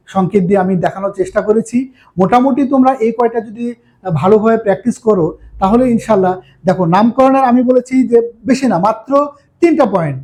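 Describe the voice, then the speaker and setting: A man's voice: high voice, warm tone. A man giving a chemistry lecture, explaining step by step and often checking if students follow. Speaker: chemistry teacher. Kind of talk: classroom lecture.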